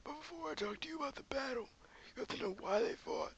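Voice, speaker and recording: A man's voice: very high voice, quick pace, muffled recording. A young man putting on the voice of a rambling old man who says he lived through ancient history, presenting a school project. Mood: reminiscing. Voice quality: creaky whispery old-man voice. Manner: wandering, folksy storytelling.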